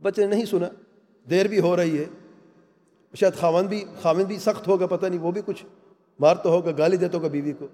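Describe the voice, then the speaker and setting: A man's voice: sits high, steady tone, warm tone. Earnest male preacher in a reverberant hall. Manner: earnest, emphatic, asks the listeners rhetorical questions. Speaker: Islamic lecturer. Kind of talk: religious talk on family life. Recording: long reverb of a large hall.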